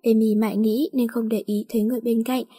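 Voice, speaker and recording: A woman narrating a story in an even, plain reading manner. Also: fairly high pitch, quick pace, breathy edge.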